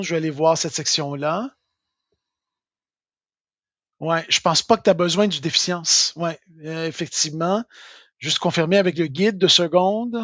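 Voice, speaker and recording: A Québécois man explains tax rules in a live question session, chatty and full of fillers. His voice sits high. The sound is dry and a little dull. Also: a bit bright, dry recording. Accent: Québécois French. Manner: informal, full of filler words and tag "là". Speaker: tax software expert answering questions.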